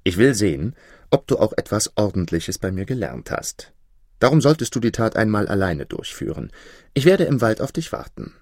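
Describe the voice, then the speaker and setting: Stern old vagabond mentor, slow and deep, dry sound, voiced by a man narrator. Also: big pitch swings, darkish tone, no echo. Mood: encouraging. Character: stern old male vagabond master thief.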